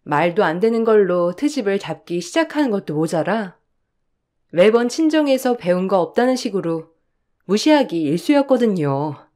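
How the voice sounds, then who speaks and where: A woman narrating a listener's story in a soft, confiding way, as the channel's reader. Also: mid-range voice, very animated, moderate pace.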